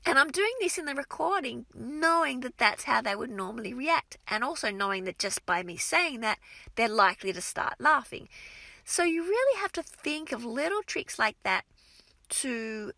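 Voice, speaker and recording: A woman who teaches French to young children, giving casual advice to other teachers in an expressive, energetic way with frequent restarts. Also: sits high, moderate pace, vocal fry, dry recording.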